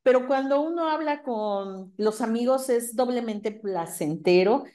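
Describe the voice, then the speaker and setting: Female interviewer, warm-toned mellow voice, courteous, filler-heavy delivery. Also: fairly high pitch, expressive, a little slow. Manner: courteous, hesitant with many fillers. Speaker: interviewer host. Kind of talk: formal interview hosting.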